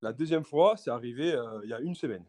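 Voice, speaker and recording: A man's voice: medium pitch, fast talker, dry recording, clean studio sound. A young man, telling a story animatedly in a casual podcast chat. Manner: animated, repetitive restarts, laughing asides.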